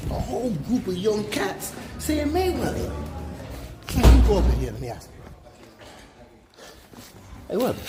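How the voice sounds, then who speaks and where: A man filming casual street interviews on a handheld phone, talking in chatty street slang, out on city streets and in a car. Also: high voice. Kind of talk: casual street vox pop.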